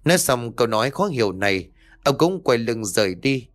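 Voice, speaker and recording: A man reads a long serialized story in the steady manner of an audiobook narrator. His voice sits at an ordinary middle pitch, and he shifts his tone as he takes on each character in turn. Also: brisk.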